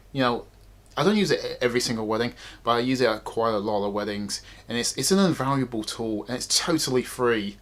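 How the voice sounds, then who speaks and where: A man's voice: medium pitch, fairly bright tone. A man, a wedding photographer, giving casual, emphatic advice to viewers in a chatty vlog. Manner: chatty, emphatic, repeats phrases.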